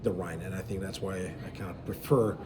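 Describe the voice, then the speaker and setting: A middle-aged man from Belgium, a cruise director, answering interview questions in a relaxed, explanatory way with frequent fillers. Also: low voice, fairly quick, a crowd in the background. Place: aboard a river cruise ship.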